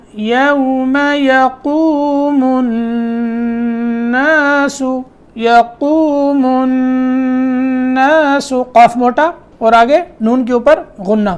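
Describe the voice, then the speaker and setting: A middle-aged man teaching Quran recitation, correcting students with brisk explanations and quick questions. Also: very high-pitched. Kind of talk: tajweed lesson correcting students.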